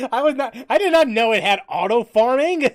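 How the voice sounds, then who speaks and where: At normal speed and medium pitch, a gaming livestreamer jokes around casually, swears mildly, and comments on play while reading chat aloud in an animated manner. There's background music, and the sound has no echo.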